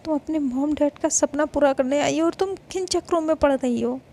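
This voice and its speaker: A fiercely loyal young woman, pitched a little higher and sounding insistent as she talks, as a woman narrating a story puts her on. The voice keeps a gravelly, mellow grain. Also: a little fast. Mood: pleading. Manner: indignant, vowing, insistent.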